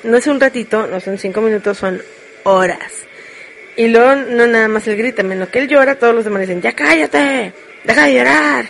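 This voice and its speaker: A woman's voice: on the high side, fast talker, hardly any pauses. A woman with a Mexican accent chatting casually and frankly to live viewers, joking as she rambles through her confessions. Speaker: streamer.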